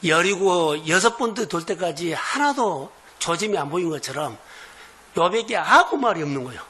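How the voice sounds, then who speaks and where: A man preaching a sermon as pastor of a church, in earnest, slow, emphatic phrases. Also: sits high, animated, sharp tone, breathy edge. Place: church sanctuary.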